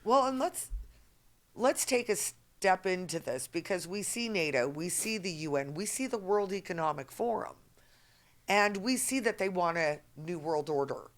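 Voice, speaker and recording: A woman's voice: fairly low pitch, animated, moderate pace. A middle-aged woman hosting a political podcast, making emphatic points in long run-on statements. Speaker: podcast host.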